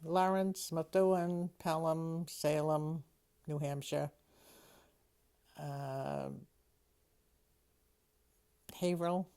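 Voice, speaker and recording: Woman, seventies, Boston accent. Unhurried delivery, soft-edged dark timbre. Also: low voice, expressive, clear, resonant tone. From Massachusetts, United States. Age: 70s. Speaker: interviewee reading an accent sample. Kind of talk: read-aloud word lists and sentences, then plain interview answers.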